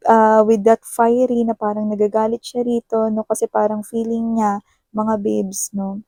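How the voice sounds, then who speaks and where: A woman's voice: little pitch movement, unhurried, warm tone, no room sound. Chatty woman reading tarot. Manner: chatty, tags sentences with "no?"; acts out a partner's scolding in a higher voice. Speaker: tarot reader. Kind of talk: casual tarot reading to viewers.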